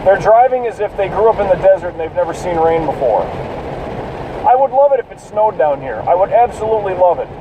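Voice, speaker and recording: A man with a high, expressive voice talks briskly while driving in heavy rain, ranting and swearing at fellow motorists for his podcast. The sound is phone-like and distant, with rain and road noise throughout the car.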